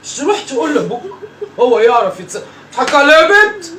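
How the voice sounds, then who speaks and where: With a high voice that swings widely in pitch, races along, and sounds a bit bright, this performer portrays a bossy Egyptian granny who teases and scolds the grandkids, saying things over and over. It's a comic family sketch in Egyptian Arabic, recorded distant and echoey with faint noise.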